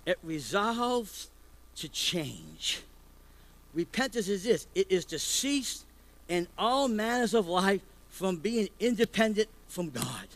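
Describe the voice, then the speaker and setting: A man's voice: high-pitched, very animated, slow pace, a bit bright, low-quality recording. A man preaching a sermon as pastor, firing rhetorical questions at the congregation.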